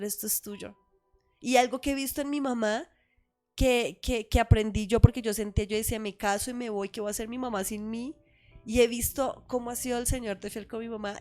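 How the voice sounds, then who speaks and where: A woman's voice: a little high, darkish tone. A woman retelling her mother's story as a testimony in a live church conversation, acting out the people she quotes. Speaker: church member giving testimony. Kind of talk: storytelling testimony in casual chat.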